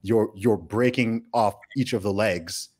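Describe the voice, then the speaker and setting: Speaking at a measured pace in a lowish voice, a man who was born in Britain and grew up in Saudi Arabia hosts a relaxed podcast chat. His manner is animated and emphatic, with many rhetorical questions and repeated restarts.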